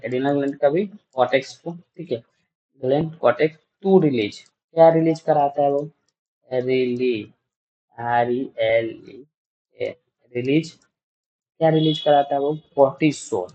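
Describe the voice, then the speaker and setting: A man with a fairly high voice teaches a nursing class. He asks questions, answers them himself and says each term again and again. The recording sounds dull and lo-fi. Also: darkish tone. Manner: repetitive, quizzing students and answering himself. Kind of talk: classroom lecture.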